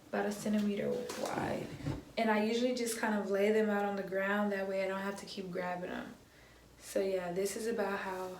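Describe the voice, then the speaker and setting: A woman's voice: mid-range voice, a little hiss or hum. Chatty young woman, echoey room. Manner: chatty, relaxed, addresses viewers as y'all. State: groggy, just woke up. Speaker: hair tutorial vlogger. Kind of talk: casual how-to tutorial. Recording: echoey room with faint ambience.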